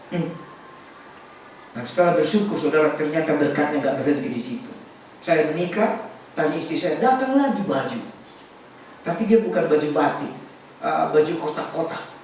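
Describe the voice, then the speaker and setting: High-voiced pastor preaching in echoey hall. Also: male voice, slight background noise. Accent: Indonesian. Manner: animated preaching with jokes and congregation call-and-response. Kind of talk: sermon. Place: large church hall. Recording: echoey church hall, distant mic.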